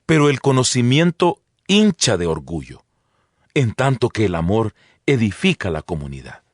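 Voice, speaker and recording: A male narrator of an audio Bible performs a dramatized scripture reading as a serious, highly expressive apostle, earnestly addressing his congregation. His fairly low voice swings widely in pitch, and his delivery is measured, emphatic, and didactic, with an earnest, instructive mood. The studio sound is clean with no room sound, and music plays in the background.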